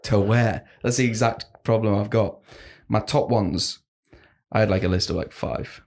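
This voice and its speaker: A man's voice: on the low side, normal speed, vocal fry, darkish tone, slight background noise. A young man co-hosting a casual podcast, laughing often and swearing freely. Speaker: podcast co-host. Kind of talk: casual banter.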